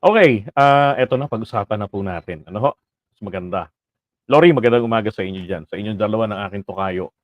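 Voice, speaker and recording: A man's voice: on the low side, fast talker, dry recording, dull audio. A man with a Filipino accent doing casual political commentary on a livestream, chatty and rhetorical, often laughing and slipping into English phrases.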